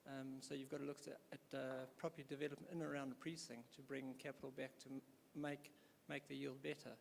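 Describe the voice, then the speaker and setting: A man's voice: medium pitch, level tone, fast, creaky, slight background noise. A man from KwaZulu-Natal, a hospital developer in a conference audience, speaking hesitantly with many fillers and restarts. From South Africa, KwaZulu-Natal. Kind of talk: audience question at panel. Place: conference hall. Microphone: handheld audience microphone. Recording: hall reverb, faint ambience.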